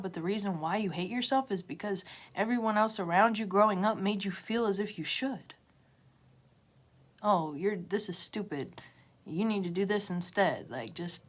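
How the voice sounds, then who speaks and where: A woman tarot reader giving an emotional motivational pep talk to viewers on a livestream, repeating herself and swinging between loud urging and a hushed near-whisper. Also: mid-range voice. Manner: repetitive, direct address to viewers.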